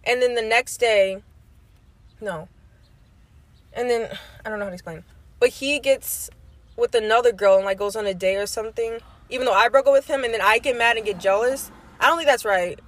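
A woman's voice: fairly high pitch, fairly quick, no echo. A young woman co-hosting a casual chat, playful and giggly, full of slang. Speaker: co-host. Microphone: camera.

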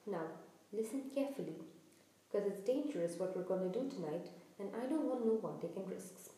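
A woman voicing a gruff, fierce but kindly giant male gamekeeper in a storybook, growling blunt commands in rustic dialect. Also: mid-range voice, expressive, moderate pace, warm tone, close to an everyday voice. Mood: grave, instructing. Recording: echoey room, distant from mic.

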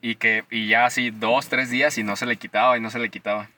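A young man with a Mexican Spanish accent, chatting casually as a podcast co-host, slangy and animated, swearing freely. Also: mid-range voice, brisk, distant mic. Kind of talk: casual storytelling chat.

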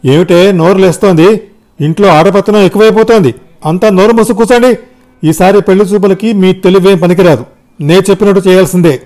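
A man voicing a domineering father who shouts orders at his family in an audio story. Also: sits high, a little fast, voice pushed up. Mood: shouting. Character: domineering father, loud and bossy.

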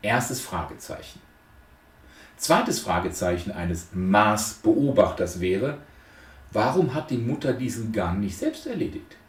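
In an echoey room picked up by a distant microphone, a man lectures on transactional analysis by retelling a fairy tale. His fairly low voice moves unhurriedly through big pitch swings as he lays out numbered points with emphasis and poses rhetorical questions.

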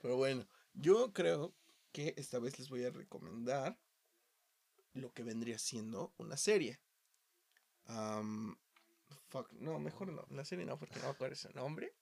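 A man with a Mexican Spanish accent, hosting a casual podcast chat and talking in an animated way, full of swearing, going from quiet asides to loud outbursts. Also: medium pitch, a little slow, gravelly, long pauses, slightly rough. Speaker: podcast host.

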